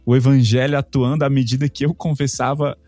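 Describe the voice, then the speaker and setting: A man's voice: mid-range voice, little pitch movement, fairly quick, warm tone, no room sound. Brazilian man telling a heartfelt story. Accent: Brazilian Portuguese. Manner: storytelling, emotional, repeats himself. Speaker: podcast co-host.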